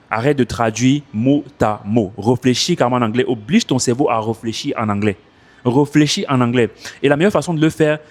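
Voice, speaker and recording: Man giving casual advice into a phone. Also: medium pitch. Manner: animated, repeats himself for emphasis. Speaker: English coach.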